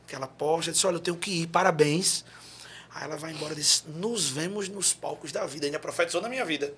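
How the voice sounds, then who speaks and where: A man's voice: sits high, fairly bright tone, husky. A man from Paraíba with a Northeastern Brazilian accent, telling a story as a podcast guest, acting out quotes and breaking into song. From João Pessoa, Paraíba, Brazil. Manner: acts out quotes, bursts into song. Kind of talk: animated storytelling.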